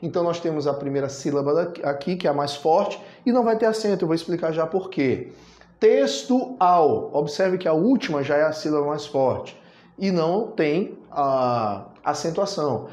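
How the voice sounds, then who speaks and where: A man's voice: on the high side, animated, normal speed, a little mellow, reverberant. A Brazilian man teaching a grammar lesson, affectionately calling his students "my loves" and drawing out filler sounds. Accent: Brazilian Portuguese.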